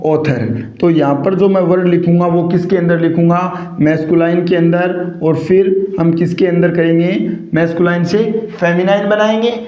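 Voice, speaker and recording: A man's voice: sits high, a little mellow. A male teacher giving a grammar lecture, who keeps asking the class questions and answering them himself, repeating each key point. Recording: echoey, dull lo-fi room sound.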